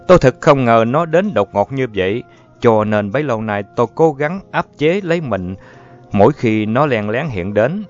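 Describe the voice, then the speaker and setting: A man narrating a first-person story in a lyrical, emotive manner. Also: lowish voice. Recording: dull lo-fi audio, faint music.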